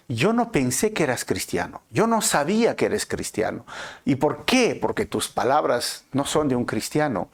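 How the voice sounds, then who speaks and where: A man with a Peruvian Spanish accent teaching a Bible passage in a conversational way, often checking in with his listeners. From Peru. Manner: conversational, frequent tag questions, animated swings in pitch. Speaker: pastor.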